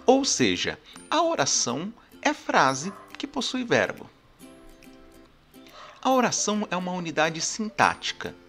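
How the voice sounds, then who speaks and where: A man teaches a recorded grammar lesson at an unhurried pace. His pitch moves a lot as he explains each point step by step, often pausing to check that listeners follow. Soft music plays faintly behind him. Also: wildly swooping pitch. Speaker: language teacher.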